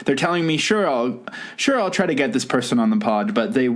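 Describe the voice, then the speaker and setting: Casual male podcast co-host, rambling and self-mocking, quick to laugh. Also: mid-range voice, big pitch swings.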